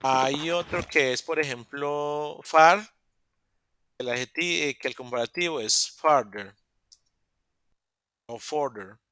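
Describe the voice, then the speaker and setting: A male teacher speaks into a video call with a bright, forward tone and a close, completely dry sound. He explains patiently, breaks off and corrects himself mid-sentence, then carries on. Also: a little high, unhurried, clean tone, no room sound. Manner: explains step by step with many restarts and self-corrections. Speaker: English teacher. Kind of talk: live online class explanation.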